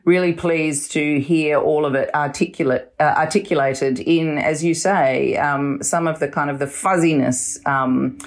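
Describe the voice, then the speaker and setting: A middle-aged woman hosting a podcast, talking in a measured, thoughtful way with frequent fillers. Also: deep voice, steady tone. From Australia. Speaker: podcast host. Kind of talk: casual chat.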